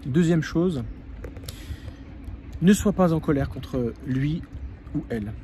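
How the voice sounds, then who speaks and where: Earnest French-speaking coach, mellow voice. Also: male voice, a little high, animated, slow pace, a little hiss or hum. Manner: earnest, repeats key phrases for emphasis. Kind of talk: advice monologue to the viewer.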